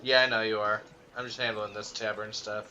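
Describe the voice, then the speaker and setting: A man narrating as game master of a tabletop game in a relaxed, chatty way. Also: on the low side, fairly quick, lo-fi sound. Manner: relaxed, chatty, laughs often.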